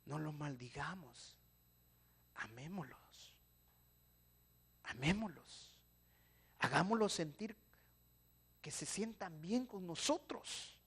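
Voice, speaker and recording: A male pastor, preaching a sermon and swinging from hushed pleading to loud exhortation. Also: fairly high pitch, lively intonation, slow, slightly rough. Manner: preaching with sudden shouts and soft pleading drops.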